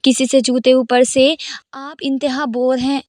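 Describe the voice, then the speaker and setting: A woman's voice: high-pitched, level tone, darkish tone, no room sound, clean studio sound, lightly acted. Woman doing a cheeky young nephew. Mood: playful. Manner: playful, cheeky.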